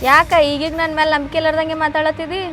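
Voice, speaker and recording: A woman playing a defiant young village wife in a short film, with a North Karnataka Kannada accent, quick and sharp-tongued. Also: high voice, little pitch movement, close to an everyday voice. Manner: defiant and quick, turning fearful. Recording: film soundtrack with background music.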